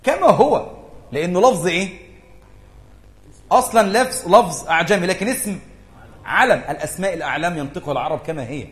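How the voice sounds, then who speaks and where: A man's voice: a little high, expressive, fast, pauses often, fairly bright tone. A man giving a religious lesson to students in a lecture room, often checking whether they follow and stressing points emphatically. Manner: keeps asking if students follow, rises emphatically. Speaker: religious teacher. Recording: echoey room.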